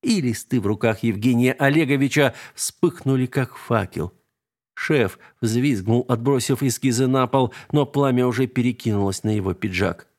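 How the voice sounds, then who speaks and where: A man narrating an audiobook in a steady storytelling voice. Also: mid-range voice, normal speed, hardly any pauses. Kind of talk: scripted narration.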